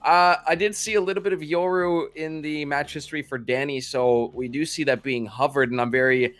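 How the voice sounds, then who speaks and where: Excitable male esports caster. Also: a little high, normal speed, no room sound. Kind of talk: live esports match commentary.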